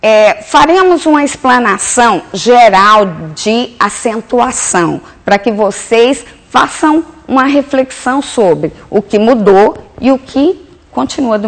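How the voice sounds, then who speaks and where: A woman's voice: fairly high pitch, gravelly. A woman giving a grammar lesson as a teacher, explaining step by step and answering her own questions. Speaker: Portuguese teacher.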